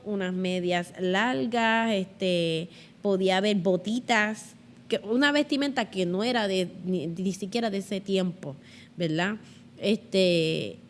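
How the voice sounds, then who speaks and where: A woman's voice: medium pitch, slight background noise. A middle-aged woman with a Puerto Rican accent, a guest telling childhood stories in an interview and acting out the voices in them. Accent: Puerto Rican Spanish. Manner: animated, acts out childhood voices. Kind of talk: storytelling in an interview.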